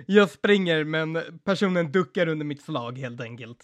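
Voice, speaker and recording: A man's voice: fairly high pitch, expressive, dry recording. A man playing in a tabletop game, describing his character's actions in the third person. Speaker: player. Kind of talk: casual chat.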